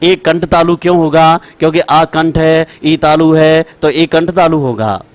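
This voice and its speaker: A man teaching Sanskrit to students, repeating rules slowly for dictation and calling his students brother and child. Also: fairly high pitch, steady tone. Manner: repetitive, chanting rules for dictation. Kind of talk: classroom lecture.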